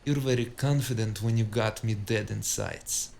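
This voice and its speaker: A voice actor playing the detective's opponent in a noir audio drama portrays a defiant, scornful cyberpunk tough cornered at gunpoint who won't back down. His fairly low, creaky, slightly mellow voice moves at a moderate pace, sounding contemptuous and guarded. Slight background noise is audible.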